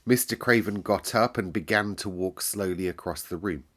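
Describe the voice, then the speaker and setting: A man reading a classic children's novel aloud in a calm, measured storyteller's way. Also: low voice.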